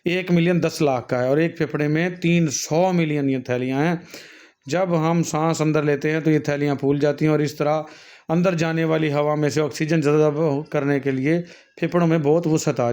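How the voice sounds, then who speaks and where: Brisk and fairly even in intonation, a man with a fairly high, darkish voice delivers a classroom anatomy lesson. As a nursing and health teacher, he patiently talks through diagrams, calls his students "beta" a lot, and frequently fills pauses and corrects himself.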